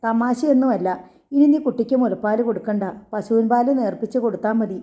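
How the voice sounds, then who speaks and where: Brief: a cold, curt young husband, read by a woman in a storybook audiobook; mellow, darkish tone, roomy and dull sound. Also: fairly high pitch, a little fast, lightly acted. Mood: stern. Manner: curt, lecturing. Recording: echoey, slightly dull recording.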